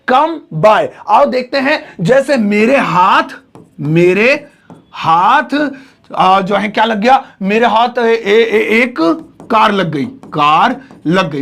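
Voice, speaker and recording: Male English tutor, high and gravelly, chatty classroom delivery with slow dictated examples. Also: a bit bright. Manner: playful, chatty asides. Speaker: English teacher. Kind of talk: spoken English lesson.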